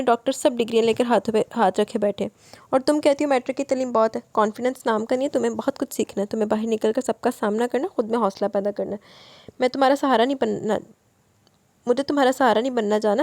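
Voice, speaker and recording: A woman's voice: a little high, mellow, no room sound, natural voice. A woman reading as a stern, teasing young husband. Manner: scolding, lecturing, then tender. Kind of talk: audiobook novel reading.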